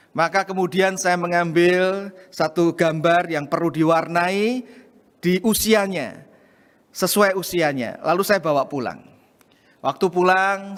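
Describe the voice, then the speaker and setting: High-voiced man preaching in a church hall. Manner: storytelling, addresses congregation as saudara, animated acting out of quoted lines. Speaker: pastor. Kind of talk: sermon.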